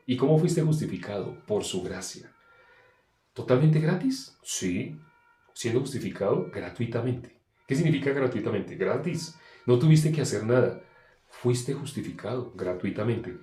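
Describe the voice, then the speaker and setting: Emphatic man preaching in an echoey room. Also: on the low side. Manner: emphatic, asks and answers own questions, swings between loud and soft. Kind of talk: sermon.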